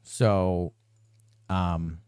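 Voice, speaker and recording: A man's voice: low-pitched, steady tone, drawn-out words, darkish tone, clear, resonant tone, dry recording, studio quality. A man in his forties hosting a solo live-stream podcast, rambling with restarts and building into a profane, exasperated rant. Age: 40s. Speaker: podcast host.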